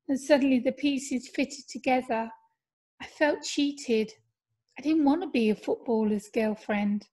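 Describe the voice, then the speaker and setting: A woman narrating a first-person audiobook in a measured, steady reading voice. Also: a little high. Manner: measured, steady reading with soft dips in level.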